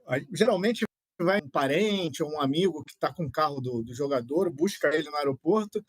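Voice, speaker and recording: A man's voice: a little high, lively intonation, breathy edge, no echo. A male sports reporter giving a remote report while his video-call connection breaks up, so his words stutter and drop out. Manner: halting, repeated words as the audio drops out. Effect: choppy, stuttering unstable video-call connection. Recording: dry, dropping-out call audio.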